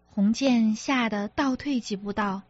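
Slow, measured woman narrating a novel. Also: on the high side, no room sound, highs cut off. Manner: measured, even storytelling. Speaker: audiobook narrator.

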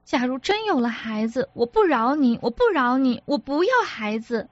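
A woman's voice: high voice, lively intonation, measured pace, no room sound, lo-fi sound. A woman reader voicing a petulant, jealous young wife who talks in a reproachful, sulky way, as an audiobook character. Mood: indignant. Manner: reproachful, sulky, sharp-tongued.

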